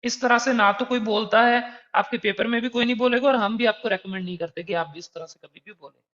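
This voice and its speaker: Quick-paced and a bit bright, a man's high voice leads a recorded online exam prep lesson. He explains patiently and conversationally, using worked examples, in a dull, slightly lo-fi recording.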